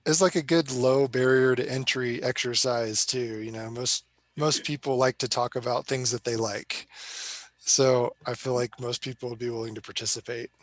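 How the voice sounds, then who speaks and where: A man taking part in an online workshop, adding measured comments over a video call. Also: medium pitch, fairly even intonation, dry recording. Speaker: workshop participant. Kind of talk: casual chat.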